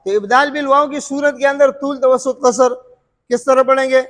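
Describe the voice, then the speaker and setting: A man's voice: very high voice, fairly even intonation, moderate pace, fairly bright tone, in a large hall. A man teaching Quran recitation rules, repeating terms, quizzing his listeners and drawing out sung examples. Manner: frequent filler "what's it called". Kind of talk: explaining recitation rules to students.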